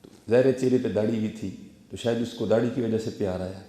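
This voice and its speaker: A man preaching a story sermon, turning from hushed asides to loud exhortation and addressing his listeners respectfully. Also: on the low side, steady tone. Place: Friday gathering in a large echoing room. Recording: very echoey room.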